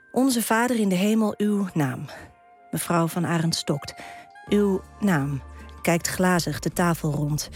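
A woman guest poet on a radio show, reading her own poem in a calm, measured way with deliberate pauses and talking about it in a studio. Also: lowish voice. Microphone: studio microphone.

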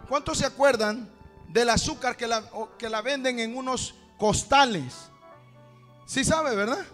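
A man's voice: extremely high pitch, unhurried. A man from Honduras, preaching a folksy storytelling sermon and calling his listeners brother, with music playing underneath. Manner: folksy, keeps addressing the congregation as brother; builds to shouted praise at the end. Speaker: pastor.

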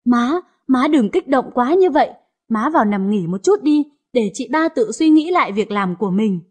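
A woman voicing a shrewd, gentle youngest daughter who speaks calmly and probes. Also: high-pitched, normal speed. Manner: calm, probing.

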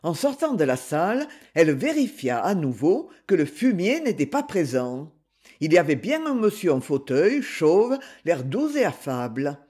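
Male novel narrator, husky, lively and expressive. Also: on the high side, measured pace. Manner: expressive literary reading. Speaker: audiobook narrator. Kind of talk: scripted narration.

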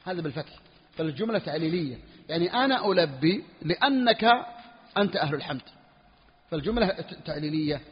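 A man teaching a religious text in a classroom lesson, repeating phrases slowly for his students. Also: a little high, lively intonation, husky. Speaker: Islamic scholar teaching a book. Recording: dull lo-fi recording in a reverberant hall.

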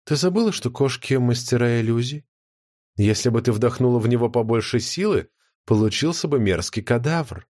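A man voicing a calm, stern female cat illusionist nanny, speaking coldly and unhurriedly in an audiobook. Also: mid-range voice, no echo, studio quality, close to an everyday voice. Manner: cold, measured, unhurried. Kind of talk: audiobook character voice.

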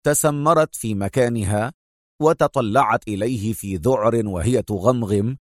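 A man reading dramatic audiobook narration in a measured storytelling way. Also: lowish voice, no echo, studio quality.

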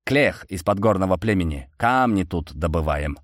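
A man voicing a gruff, grumbling male dwarf miner with a sweet tooth, in an audiobook. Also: low voice, animated, no echo, studio quality. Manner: gruff, grumbling, drawn-out slow speech. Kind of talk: audiobook character voice.

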